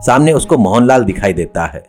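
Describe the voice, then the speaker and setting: A man narrating a comic moral story in a steady, plain storytelling manner. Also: medium pitch, fairly quick. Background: faint music.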